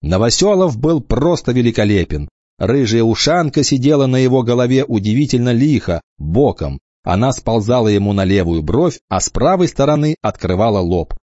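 A man reading a children's novel aloud in an expressive way, shifting into voices for the characters. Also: medium pitch, moderate pace, no echo, muffled recording. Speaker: audiobook reader.

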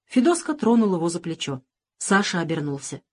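Woman calmly reading a story aloud. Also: fairly low pitch, fairly quick. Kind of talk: scripted narration.

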